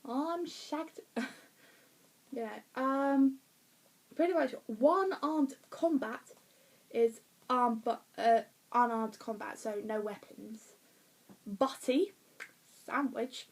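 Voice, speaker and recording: Woman, slightly high voice, rambling home vlog chat full of ums and restarts. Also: very slow, long pauses, poor audio. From Essex, England. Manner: rambling, many fillers and restarts, laughs at herself. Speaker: vlogger reviewing a play. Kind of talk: casual chatty review. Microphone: phone or webcam.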